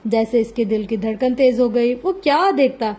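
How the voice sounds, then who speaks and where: A woman narrating a novel in a dramatic reading. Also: fairly high pitch. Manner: dramatic, even-paced reading. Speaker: novel reader.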